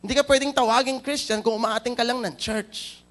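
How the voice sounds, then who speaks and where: A Filipino pastor's very high voice, fairly bright in tone and fairly even in intonation, carries his sermon at a slightly fast pace. He mixes English and Tagalog as he tells a story and asks the congregation questions.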